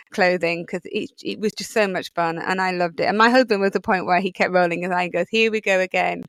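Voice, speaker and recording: A woman's voice: mid-range voice, a bit bright, no room sound. A woman with a Yorkshire accent hosting a solo podcast, talking in a chatty, rambling way with many fillers. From England. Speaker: podcast host.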